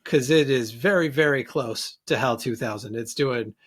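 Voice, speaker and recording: A man's voice: medium pitch, moderate pace, a bit bright. A man as a guest on a podcast in casual chat, thoughtful and hedging, often restarting his sentences.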